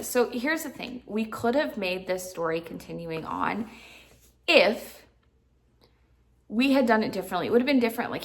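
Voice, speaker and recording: A book vlogger with a creaky, fairly bright mid-range voice chats casually about books, rambling and using lots of filler words. At times she slips into exasperated ranting, and there is a little hiss or hum.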